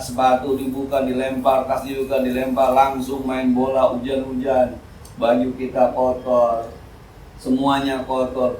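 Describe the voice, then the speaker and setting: A man with a Jakarta Betawi accent giving an informal, joking sermon at a mosque study session, swinging between loud and soft. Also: medium pitch, slight background noise. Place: mosque hall. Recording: echoey hall, speaker far from mic.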